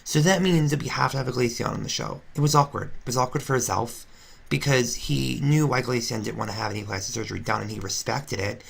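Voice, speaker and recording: A woman's voice: rumbling low, quick pace, gravelly, slightly rough, exaggerated voice. A woman voicing a brash, gossipy female Flareon reality star, ranting sarcastically in a confessional-style fan drama. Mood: aggrieved. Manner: indignant, sarcastic ranting with restarts.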